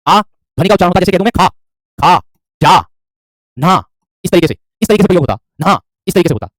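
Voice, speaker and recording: Male Hindi teacher, rapid-fire delivery, dry close sound, repeats and quizzes. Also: high-pitched, lively intonation, no room sound. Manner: repetitive, quizzing, calls students "my friend". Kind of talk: online class lecture.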